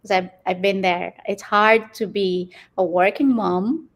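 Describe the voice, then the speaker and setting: A woman's voice: medium pitch, fairly even intonation, measured pace. A woman, answering interview questions as a guest, rambling and laughing often. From Philippines. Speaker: guest entrepreneur.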